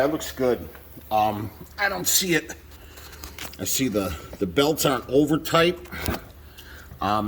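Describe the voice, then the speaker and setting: Speaking in a mid-range voice over slight background noise, this man lisps, his s whistling through new braces. He's a truck-repair DIY vlogger giving a casual, hesitant walkthrough, plain-spoken and hedging as a first-timer would.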